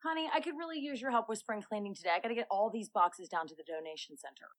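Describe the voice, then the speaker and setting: A woman's voice: medium pitch, fast talker, natural voice. An actress with an American accent playing a busy suburban mother who coaxes her husband into helping her, in a sitcom clip. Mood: coaxing.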